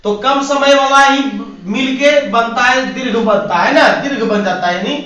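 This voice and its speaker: A man with a very high voice teaches a classroom grammar lesson, quizzing his students and repeating each point. He sounds far from the mic, and the room echoes heavily around him. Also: normal speed, sharp tone. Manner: asks the class questions and repeats key points.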